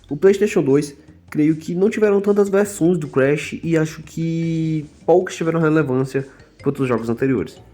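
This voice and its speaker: A young man with a Brazilian Portuguese accent reads a scripted voice-over for a video game review. His voice is on the high side and warm, and his delivery is casual and slangy, full of jokey asides.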